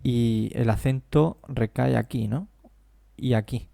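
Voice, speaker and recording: A man teaching a language lesson, explaining slowly and carefully and repeating example phrases. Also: mid-range voice, vocal fry, warm tone, dry recording. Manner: slow, careful explanations with deliberate English examples. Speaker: English teacher. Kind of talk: classroom-style language lesson.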